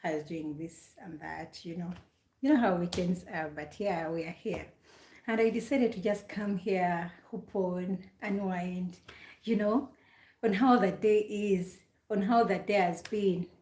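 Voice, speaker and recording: A Ugandan woman hosts a relaxed, casual live stream chat, speaking at a middle pitch and a measured pace. Chatty, she greets viewers by name and repeats her questions. The room gives her voice a noticeable echo.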